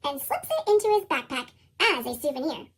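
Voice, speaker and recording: This is a sped-up, very high chipmunk rendering of an American woman reading a kids' storybook aloud. She reads fairly quickly from a script, with huge swings in pitch and plenty of expression for young children.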